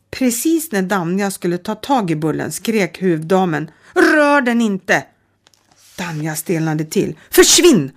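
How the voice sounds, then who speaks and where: A middle-aged woman reading a children's audiobook with steady, calm storytelling. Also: on the low side. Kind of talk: audiobook narration.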